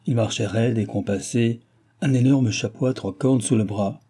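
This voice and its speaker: A man narrating a classic novel as an audiobook, in a measured, steady way. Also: medium pitch, slightly rough. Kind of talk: scripted narration.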